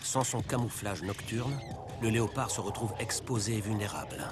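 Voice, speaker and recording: A man narrating a nature documentary from a script, in a measured, dramatic storytelling manner. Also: lowish voice. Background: loud background music.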